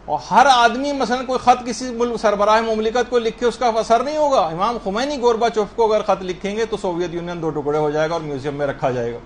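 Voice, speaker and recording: A man's voice: high voice, few pauses, slight background noise. A man teaching a religious lesson in an earnest, explanatory way, demonstrating how words should be pronounced. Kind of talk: lecture on prayer to a female audience.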